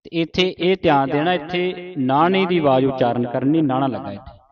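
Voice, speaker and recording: A man leads a recitation class, his voice sitting a little high as he sounds out each verse slowly and corrects how words should be said. The recording is dull and lo-fi, with a group of learners audible around him. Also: crowd noise. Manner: slow, careful syllable-by-syllable recitation with corrections. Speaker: Gurbani pronunciation teacher. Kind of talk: scripture recitation lesson.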